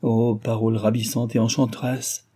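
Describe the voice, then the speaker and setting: A man voicing a remorseful young gentleman who pleads fervently with the woman he loves, in a read-aloud novel. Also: medium pitch, little pitch movement, normal speed, slightly rough, close to an everyday voice. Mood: adoring.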